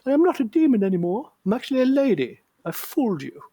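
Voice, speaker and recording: Bloke doing a squeaky falsetto possessed lady voice, all high and shrill. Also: very animated, fast, warm tone, breathy edge, no room sound, lo-fi sound, heavily acted. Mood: mocking.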